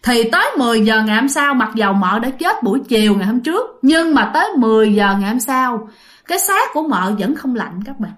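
A woman's voice: a little high, big pitch swings, a little fast. A woman telling a ghost story in a chatty way, often turning to her listeners with fillers. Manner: chatty, addresses listeners directly, many fillers.

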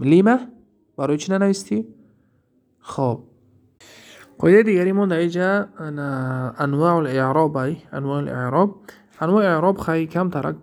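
Reading Arabic examples aloud, this Tajik-accented man works through a grammar textbook in a recorded lesson, asking his own questions and then answering them. His voice is a little high, creaky, and darkish in tone.

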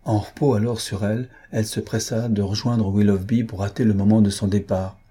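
Husky, dark-voiced male narrator. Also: lowish voice, little pitch movement, fairly quick. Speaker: audiobook narrator. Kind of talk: scripted narration.

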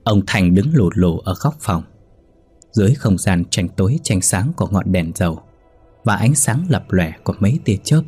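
A man narrating a ghost story in a steady, somber manner. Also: low-pitched, moderate pace, husky, soft background music.

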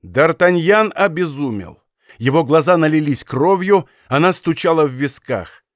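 A man narrating an adventure novel from a studio in a measured, dramatic storytelling manner, recorded on a close microphone. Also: a little high, expressive, dry recording. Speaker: audiobook narrator. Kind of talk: scripted narration.

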